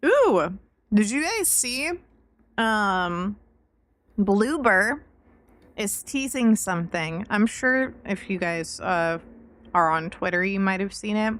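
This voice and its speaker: A woman livestreamer chatting casually with her viewers, relaxed and informal, swearing now and then. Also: medium pitch, slow pace. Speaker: livestreamer and VTuber.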